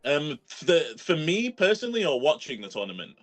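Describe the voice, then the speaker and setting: A man with a London accent chatting as a guest, his pitch swinging widely as he talks. He speaks animatedly, full of slang, and laughs often between points. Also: huge pitch swings, normal speed. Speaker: guest battle rapper. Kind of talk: casual chat.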